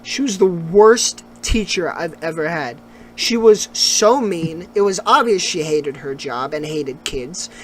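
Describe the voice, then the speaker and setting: A young adult podcast co-host telling a long personal story in casual chat, rambling and animated with lots of fillers. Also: mid-range voice, unhurried.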